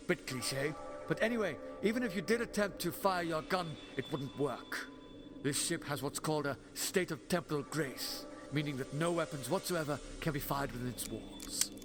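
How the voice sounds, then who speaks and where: A man's voice: fairly high pitch, animated, moderate pace, close to an everyday voice. A man playing a shrewd, sardonic alien time traveller in an audio drama, with a wry, verbose, theatrical delivery. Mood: cocky, defiant.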